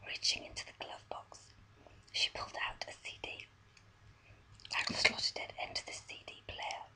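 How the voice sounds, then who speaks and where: A voice whispering softly and breathily, reading a story aloud in a deliberate ASMR style, close to the microphone. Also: poor audio. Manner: soft, deliberate story reading with small stumbles.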